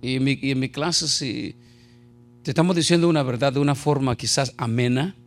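A middle-aged man preaching an animated sermon full of jokes and anecdotes. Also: medium pitch, brisk. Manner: animated, jokey, shouts and laughs at times.

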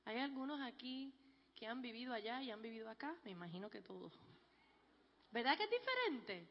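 A woman's voice: on the high side, big pitch swings, a little fast, a little hiss or hum. Joking woman in a reverberant hall. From Puerto Rico. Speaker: guest speaker giving a testimony. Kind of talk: church testimony. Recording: dull, echoey large hall.

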